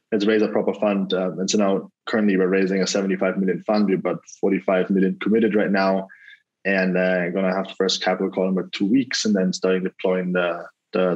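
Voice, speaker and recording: A man, a venture investor chatting as an interview guest, relaxed and rambling with many fillers and restarts. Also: deep voice, husky. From Germany. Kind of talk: casual interview over a call. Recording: dull lo-fi call audio.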